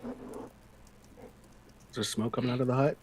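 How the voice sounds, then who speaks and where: A man's voice: medium pitch, steady tone, takes it slowly, a little mellow. A man chatting casually as a player in a tabletop game, with faint noise on the recording.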